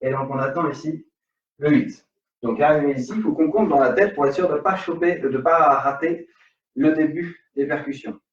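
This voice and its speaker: A man's voice: on the high side, moderate pace. A man with a French accent teaching an online salsa class, counting beats and singing rhythm syllables. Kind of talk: online dance class instruction. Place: dance studio. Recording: roomy, distant, dull studio sound.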